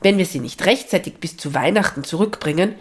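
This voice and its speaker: A woman's voice: on the low side, lively intonation, a little fast, natural voice. A woman voicing a responsible storybook companion who speaks earnestly and admonishes the others. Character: sensible, responsible companion who scolds gently.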